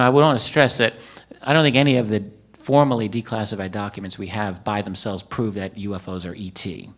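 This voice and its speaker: Emphatic low-voiced man testifying. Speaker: witness testifying at a hearing. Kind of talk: prepared testimony with some ad-libbing. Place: conference room podium.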